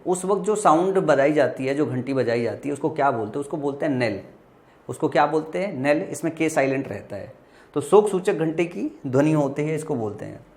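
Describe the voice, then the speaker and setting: A man with an Indian accent teaching exam vocabulary, asking questions and answering them himself, slowly spelling words out letter by letter. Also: fairly high pitch, a little mellow. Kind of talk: exam-prep lesson.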